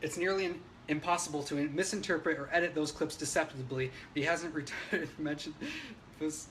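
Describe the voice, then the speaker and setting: This political livestreamer has a rather high, fairly bright voice and a brisk, steady tone as he reads viewer comments and rants without a script. Emphatic and agitated, he swears often and addresses his audience directly. Faint noise runs through the stream audio.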